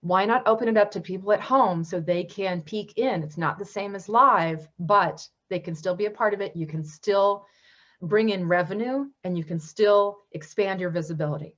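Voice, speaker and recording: A woman's voice: medium pitch, moderate pace, a bit bright, lo-fi sound. A woman giving a webinar presentation on marketing, talking in an enthusiastic, conversational teaching manner. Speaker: marketing speaker.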